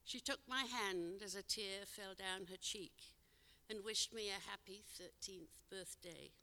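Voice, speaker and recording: An older woman telling a personal memory in a measured, gentle storytelling manner, her phrase endings trailing off softly. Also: mid-range voice. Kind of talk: told personal memoir on stage. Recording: long hall reverb.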